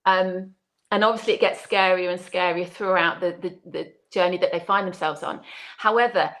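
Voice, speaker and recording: Woman guest in a lively chat. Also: lowish voice, moderate pace, poor audio. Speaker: podcast guest. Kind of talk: casual discussion.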